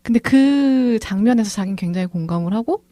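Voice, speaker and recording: A woman co-hosting a podcast, calmly retelling a conversation as she discusses a film. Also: a little high, fairly quick, no echo, studio quality. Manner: thoughtful, retells a conversation at length. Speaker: podcast co-host, film director.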